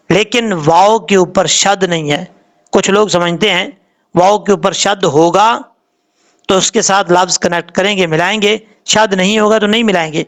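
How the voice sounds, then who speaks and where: High-voiced man teaching recitation step by step. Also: a bit bright. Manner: patient, step-by-step, repeats letters and rules; slowly draws out sounds when demonstrating words. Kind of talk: tajweed lesson explaining pronunciation rules.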